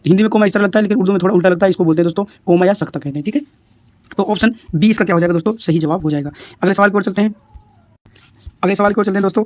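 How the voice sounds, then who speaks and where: A man's voice: sits high, racing, no room sound. A man walking through exam answers in a lesson, addressing viewers as friends and answering his own questions. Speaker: teacher explaining exam answers.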